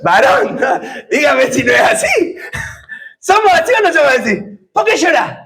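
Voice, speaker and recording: A man's voice: very high voice, very animated, moderate pace, bright, forceful tone, low-quality recording. A man preaching a sermon, putting questions to the congregation and joking with them. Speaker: pastor.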